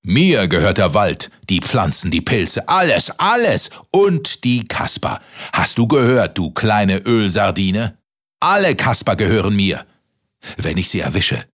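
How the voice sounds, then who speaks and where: Big loud bully giant, a guy doing the voice, growly threats, storybook villain. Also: fairly low pitch, big pitch swings, measured pace, full character voice. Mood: menacing. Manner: bellowing, threatening, name-calling. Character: gruff boastful huge male giant.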